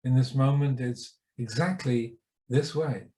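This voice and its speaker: Guiding a meditation, this teacher uses a warm, mid-range voice. His phrases are brief and unhurried, with pauses left between them.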